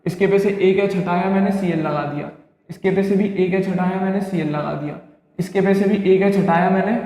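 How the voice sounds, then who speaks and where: A male chemistry teacher, lecturing an online class. He keeps asking students if things are clear and answers his own questions. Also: sits high, darkish tone. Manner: drilling, asks questions and answers them himself. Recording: very echoey classroom with long reverb.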